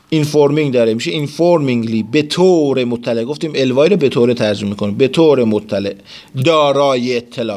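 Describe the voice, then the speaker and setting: Man, teacher type, walks the class through word forms one at a time and reads each English phrase slowly before translating it. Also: medium pitch, a little mellow. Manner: explains word forms step by step, mixes in English terms. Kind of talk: classroom vocabulary lesson.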